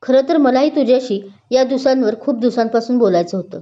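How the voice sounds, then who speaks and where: Woman voicing a gentle, caring college friend. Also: fairly high pitch, brisk, close to an everyday voice. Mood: sincere. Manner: gentle, sincere. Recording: dull lo-fi recording.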